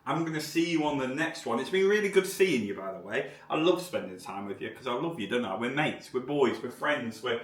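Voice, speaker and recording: A man's voice: medium pitch, lively intonation, a little fast, hardly any pauses, echoey room. A man chatting casually to camera in a vlog at home, enthusiastic and rambling, with lots of "like". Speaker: vlogger and tattoo shop owner.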